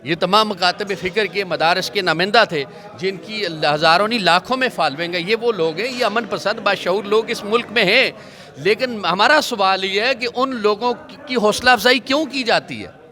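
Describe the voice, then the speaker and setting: A male religious scholar answers a reporter's questions outdoors in a measured, sermon-like cadence, citing scripture as he goes. His voice sits high and sounds bright and forceful, picked up on a handheld mic in a city setting. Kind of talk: street interview answers.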